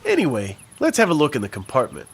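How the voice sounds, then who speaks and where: A man's voice: mid-range voice, huge pitch swings, fast talker, slight background noise. A man voicing a wry young male detective in a game, full of dry, sarcastic asides. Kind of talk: game voice acting.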